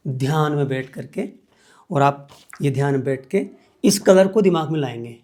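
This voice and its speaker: This guest meditation teacher has a somewhat high, expressive voice with a slight mellowness, and he talks at a moderate pace. His instruction goes step by step, patient and repetitive, circling back to the important points.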